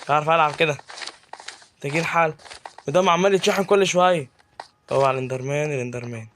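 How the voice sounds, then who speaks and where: Fast-talking Egyptian man, joking gamer. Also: a little high, fairly bright tone, a little hiss or hum. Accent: Egyptian Arabic. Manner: joking, chatty, talks to game mobs as if interviewing them. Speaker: gaming YouTuber. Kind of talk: casual gameplay commentary.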